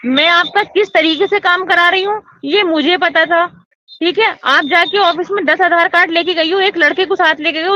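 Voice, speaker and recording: A woman with a very high, bright, forceful voice argues insistently on the phone, scolding the other person and talking over them. She is an agent who handles housing forms, and the call is a heated argument.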